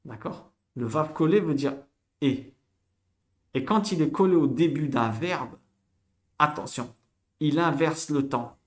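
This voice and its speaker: A man giving a casual spoken lesson, animated and repetitive, spelling out sounds slowly for learners. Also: fairly high pitch. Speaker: Hebrew teacher.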